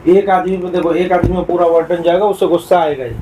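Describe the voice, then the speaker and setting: A man with a fairly high voice calmly lectures two arguing housemates, trying to settle the fight. A faint background hiss sits under his voice. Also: fast talker, low-quality recording. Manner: mediating, lecturing both sides calmly. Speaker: vlog host.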